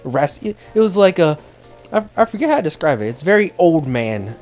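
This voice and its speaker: A woman's voice: low-pitched, sing-song, brisk, darkish tone, soft background music. A woman streaming and chatting casually with her co-host and viewers. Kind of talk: casual live stream chat.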